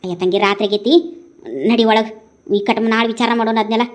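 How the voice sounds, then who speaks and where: A caring older village mother-in-law in a cartoon, voiced by a woman. She talks quickly and soothingly in a raised voice. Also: on the high side, steady tone, natural voice. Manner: soothing, coaxing.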